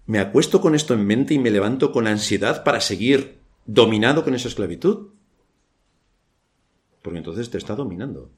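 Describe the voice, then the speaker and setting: Lively Spanish preacher from Spain. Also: male voice, fairly low pitch, fairly quick, pauses often. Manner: rhetorical questions with dry ironic asides. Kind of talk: church sermon. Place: church.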